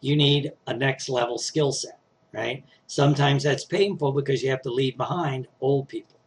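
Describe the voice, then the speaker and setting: Teaching success skills in an easygoing, chatty way, a middle-aged man often adds "right?" and "you know" to his sentences. His mid-range voice is slightly scratchy, he keeps a moderate pace, and he clears his throat.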